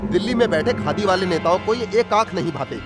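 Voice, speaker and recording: A man's voice: sits high, lively intonation, fast. An actor dubbing a menacing, taunting village strongman villain in a film. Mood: threatening. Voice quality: taunting, menacing, mocking laughs. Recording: film soundtrack with loud music.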